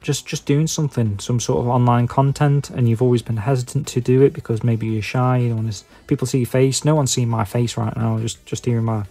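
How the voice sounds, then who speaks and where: With music behind him, an English YouTube video maker and podcaster chats casually to his viewers in a Stoke-on-Trent accent. His relaxed, dark voice is middling in pitch and slightly rough, moving fairly quickly with few pauses. He waffles hesitantly and self-deprecatingly, leaning on filler phrases.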